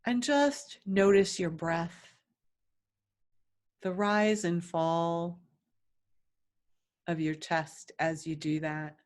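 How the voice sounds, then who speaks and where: With a fairly low voice, a woman guides listeners through a meditation at a very slow pace. Long silences separate her phrases, and she gives instructions in a gentle, soothing, teacherly way.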